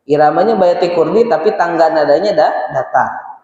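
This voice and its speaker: A man's voice: on the high side, normal speed, darkish tone, muffled recording. A man teaching Quran recitation in a mosque, speaking with a Sundanese Indonesian accent and patiently repeating and chanting each verse for his listeners to follow. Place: mosque hall. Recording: echoey mosque hall with long reverb.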